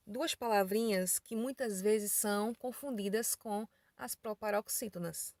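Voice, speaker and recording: A middle-aged woman teacher with a Brazilian accent delivers an online grammar lesson. Her voice carries a noticeable gravelly fry, and she explains each point slowly, spelling out letters one by one. The close recording is dry, with no room sound. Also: medium pitch, darkish tone, no room sound. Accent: Brazilian Portuguese. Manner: slow, careful explanation, spelling out letters and examples.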